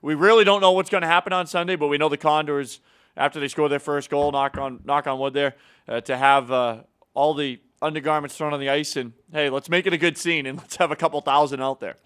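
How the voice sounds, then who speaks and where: A man's voice: on the high side, steady tone, brisk, fairly bright tone, clear, resonant tone. A man hosting a casual hockey news segment, upbeat and teasing his co-host, with plenty of filler words. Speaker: show host. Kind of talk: casual sports news chat.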